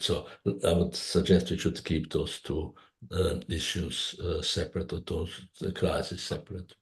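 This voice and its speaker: A man's voice: sits low, creaky, darkish tone, reverberant. A man answering as a panelist at an academic symposium, speaking hesitantly with frequent fillers.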